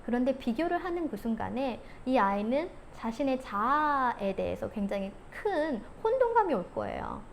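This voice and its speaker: A woman giving a talk on parenting, who acts out scolding mothers in sharp outbursts. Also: on the high side, huge pitch swings, normal speed, creaky, few pauses, a little hiss or hum. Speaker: parenting coach.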